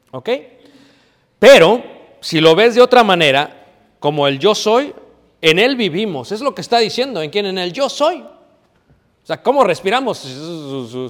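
A man preaching a sermon, emphatic, asking questions and answering them himself. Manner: emphatic teaching, asks and answers his own questions; drops to a quiet, low voice when telling a personal story. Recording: hall with long reverb.

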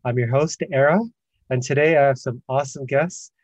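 A male podcast host with a friendly, easygoing delivery and plenty of filler words. His voice sits in a middle pitch. It sounds dry and close, with no room echo. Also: steady tone, brisk, darkish tone. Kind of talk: podcast interview chat.

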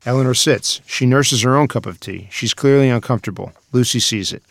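A man reads the stage directions of a screenplay in the scripted manner of someone describing scenes. His medium-pitched, gravelly voice moves fairly quickly, and the recording is very dry.

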